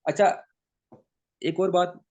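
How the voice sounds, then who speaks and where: A man's voice: high-pitched, fairly even intonation, slow pace, darkish tone. A man teaching a training session, mixing English into his explanations and often checking with "theek hai?". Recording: dull lo-fi recording.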